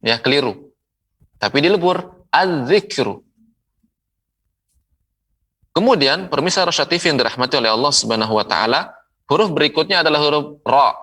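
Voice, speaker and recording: Man teaching Quran reading on TV, unhurried and patient, bright tone, recorded a bit off-mic. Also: fairly high pitch, animated, recorded from a distance. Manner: slow, drawn-out recitation of example words, repeated for listeners; patient, explanatory, asks the audience questions and answers them. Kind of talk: televised Quran reading lesson.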